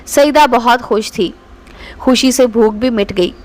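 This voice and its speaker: A woman's voice: a little high, measured pace, darkish tone. Earnest woman telling a moral story. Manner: earnest, emotional narration. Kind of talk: scripted moral story narration.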